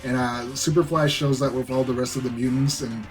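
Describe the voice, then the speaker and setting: A man gives a loose, rambling movie recap, scattering "like" and "you know" through his sentences. His pitch sits right in the middle, and faint music plays underneath. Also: steady tone, brisk. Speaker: movie reviewer.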